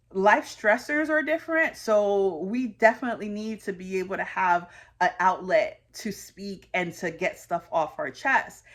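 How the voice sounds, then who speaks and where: A woman in her thirties from the United States, with a medium-pitched, fairly bright voice, hosts while sharing personal reflections. She talks earnestly and conversationally, using frequent fillers.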